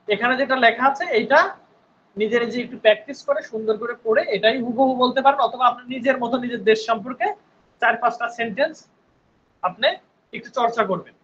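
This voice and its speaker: A man's voice: very high-pitched, fairly bright tone, highs cut off, a little hiss or hum. A male English teacher giving an online spoken English class, patiently repeating words and often checking in with his students.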